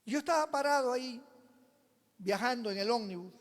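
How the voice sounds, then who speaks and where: A man, a pastor preaching a sermon as a personal testimony, telling it dramatically and swinging between loud passages and hushed ones. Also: extremely high pitch, animated, normal speed. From Peru. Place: church sanctuary. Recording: long reverb of a church hall.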